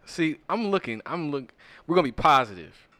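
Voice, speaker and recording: A man's voice: on the high side, big pitch swings, normal speed, sharp tone, no room sound. A man in casual podcast chat, laid-back and upbeat, laughing easily.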